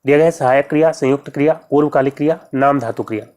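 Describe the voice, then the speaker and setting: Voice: medium pitch, a little mellow. Patient teacher working through quiz questions. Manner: reads questions and options aloud, then explains the answer step by step; repeats key terms slowly for emphasis. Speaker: exam-prep teacher. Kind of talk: exam-prep lesson.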